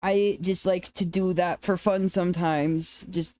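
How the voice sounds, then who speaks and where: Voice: medium pitch, measured pace, dry recording. An androgynous, femme-leaning voice chats casually with an audience, taking its time and wandering from thought to thought. The sound is dry and close, with no room around it. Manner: relaxed, rambling, laughs often, restarts sentences. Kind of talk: casual chat with viewers.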